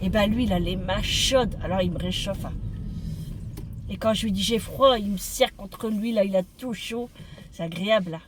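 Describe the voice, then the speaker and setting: A woman's voice: mid-range voice, normal speed. A woman vlogging with a cough, chatting casually to viewers outdoors in the wind, with a northern French accent. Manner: chatty, lots of fillers and tag questions. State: sick with a cough. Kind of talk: casual chat to camera. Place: outdoors on a windy street. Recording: noisy outdoor street with passing traffic.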